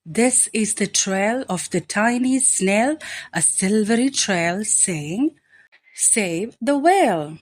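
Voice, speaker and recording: A woman reading a rhyming picture book aloud as a bedtime story, slow, gentle and rhythmic. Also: medium pitch, lively intonation. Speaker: storybook reader.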